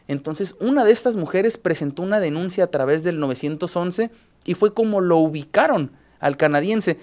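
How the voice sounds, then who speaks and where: Recapping news cases as a journalist on a radio show, this man has a Mexican Spanish accent and keeps halting with filler sounds and restarts. His voice sits high and sounds a little mellow.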